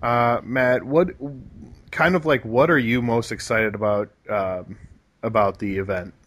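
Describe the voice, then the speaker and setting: A man's voice: mid-range voice, a little slow, fairly bright tone. A young man hosting a casual gaming podcast, talking with hesitant fillers and restarts and a dry sense of humor. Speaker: podcast host.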